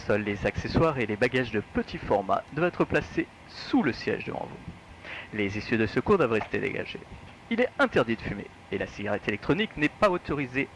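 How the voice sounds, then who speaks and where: A man making a formal cabin announcement, his voice lively and rising and falling over the phrases. He keeps a measured delivery as he addresses passengers. Steady cabin noise sits clearly behind him. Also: medium pitch, low-quality recording. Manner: formal, measured announcement delivery, switching between French and English.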